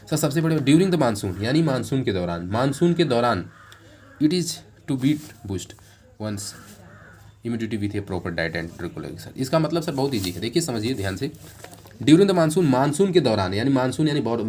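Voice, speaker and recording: A man teaching an exam-prep lesson, explaining English words in Hindi with lots of repetition and reading the English questions slowly, word by word. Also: mid-range voice, a little mellow. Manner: explains English words in Hindi, repeating each meaning, ends points with "theek hai sir".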